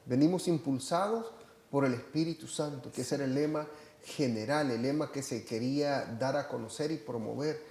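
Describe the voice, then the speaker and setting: A man's voice: medium pitch, moderate pace, a little mellow. Hesitant Salvadoran man, echoey room. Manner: hesitant, many fillers and restarts. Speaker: church member reporting on a trip. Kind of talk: casual chat.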